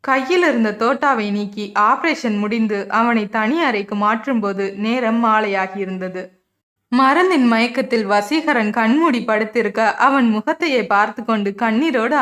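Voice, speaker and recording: A woman narrating her own romance audio novel in a steady storytelling manner. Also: a little high, moderate pace. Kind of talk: scripted narration.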